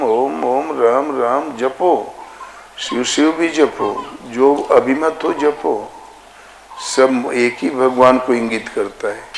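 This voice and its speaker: A man giving a devotional discourse as a spiritual teacher, slow and deliberate, drawing out chanted syllables. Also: medium pitch. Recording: echoey room with faint ambient noise.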